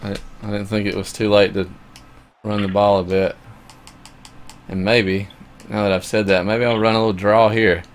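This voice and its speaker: A man's voice: fairly low pitch, flat delivery, moderate pace, long pauses. A man co-hosting a live game stream, talking through his match and poking fun at his own play. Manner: self-deprecating, talks while playing. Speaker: co-host playing a video game match. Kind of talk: casual live-stream chat.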